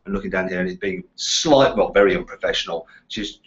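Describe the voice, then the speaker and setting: A man's voice: low-pitched, fairly quick. A British man presenting a casual car question-and-answer chat in a chatty, bantering way. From Walsall, West Midlands of England. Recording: slightly dull, lo-fi sound.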